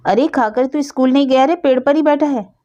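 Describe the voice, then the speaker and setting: A woman's voice: high voice, fairly quick, dark tone, highs cut off, voice pushed up, close to an everyday voice. A woman voicing a young sister-in-law who is tired and exasperated. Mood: stern. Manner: exasperated, scolding.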